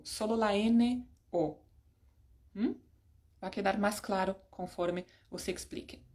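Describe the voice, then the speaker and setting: A woman's voice: mid-range voice, warm tone. A woman from teaching an English lesson in a casual, chatty way, often checking in with "¿ok?" and poking fun at herself.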